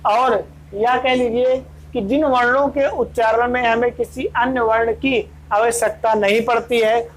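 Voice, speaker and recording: A woman's voice: on the high side, rough recording. A woman teaching an exam-prep grammar lesson. She speaks, keeps asking her students rhetorical questions and answering them herself, and repeats each point. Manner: addresses students as friends.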